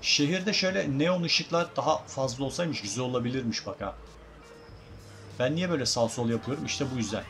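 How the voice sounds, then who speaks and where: A man's voice: mid-range voice, lively intonation, brisk, fairly bright tone, soft background music. A man giving casual, joking let's-play commentary as a gaming YouTuber, talking to his viewers as guys.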